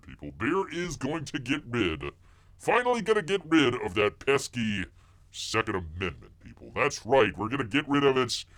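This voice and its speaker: In a comic character monologue, a man with a mid-range, fairly bright voice plays a blustery, bumbling male bear, a self-proclaimed veteran of the woods. The bear stammers and rambles, speaks of himself in the third person, and repeatedly hollers at people.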